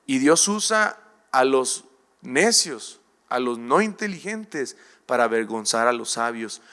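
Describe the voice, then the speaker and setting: A man's voice: mid-range voice, big pitch swings, takes it slowly, a bit bright. A male pastor with a Mexican Spanish accent preaching a sermon, acting out short dialogues in changing voices and joking with the congregation. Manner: playful preacher who acts out dialogues in shifting voices.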